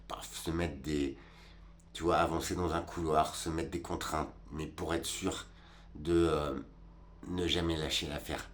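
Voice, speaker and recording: A man in his forties with a remarkably deep, low voice speaks to camera in a loose, meandering way, full of casual asides addressed to the viewer. A faint hum sits underneath the recording. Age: 40s. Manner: rambling, colloquial, talks straight to the viewer. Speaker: vlogger. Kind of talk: casual reflective monologue.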